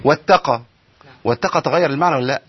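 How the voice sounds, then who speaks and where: A man with an Egyptian accent teaches the rules of Quran recitation at a quick clip. His voice is somewhat husky, and he keeps asking his students questions and then answering them himself. The recording sounds a little dull and lo-fi. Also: a little high. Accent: Egyptian Arabic. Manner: explanatory, poses and answers his own questions. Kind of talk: tajweed lesson.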